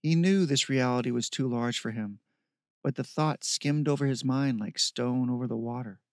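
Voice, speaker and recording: A man narrating a story in a steady, measured reading. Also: mid-range voice, no room sound, clean studio sound. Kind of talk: audiobook narration.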